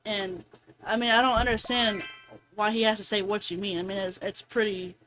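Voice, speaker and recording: A woman's voice: medium pitch, fairly even intonation, normal speed, over music, poor audio. A young woman streamer in casual chat, venting animatedly and quoting people in a raised voice. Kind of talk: casual chat while gaming.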